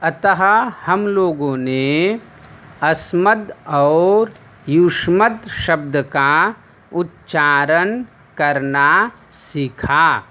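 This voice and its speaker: A man teaching Sanskrit to children in a lesson, reciting word forms slowly and carefully and explaining how to pronounce them. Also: fairly high pitch, sharp tone. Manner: slow, deliberate drilled recitation of word forms; addresses children directly, explaining pronunciation.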